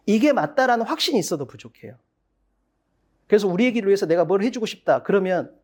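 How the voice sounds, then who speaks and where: Brisk, blunt English instructor, animated pitch, rough slang, rhetorical questions. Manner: asks rhetorical questions, then answers them. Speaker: English cram-school instructor. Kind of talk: info session for parents.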